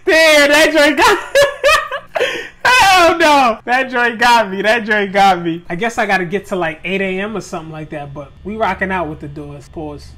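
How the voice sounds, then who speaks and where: A young gaming video creator gives live commentary on his first run of a horror game. His high voice has a sharp edge and moves at normal speed as he jokes, swears, trash-talks loosely in slang and addresses his viewers directly.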